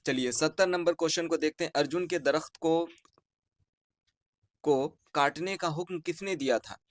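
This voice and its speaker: This online teacher, whose Hindustani accent from Bihar carries an Urdu inflection, goes over an exam answer key by slowly reading out every question and its options, then saying the right answer again. His voice is on the high side and the recording is dry.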